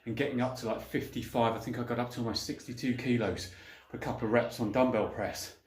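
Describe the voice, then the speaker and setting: A man's voice: medium pitch, steady tone, fast talker, darkish tone. A man talking casually and colloquially to viewers between sets of lifting weights, as a fitness vlogger. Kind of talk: casual training vlog talk between sets. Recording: echoey room.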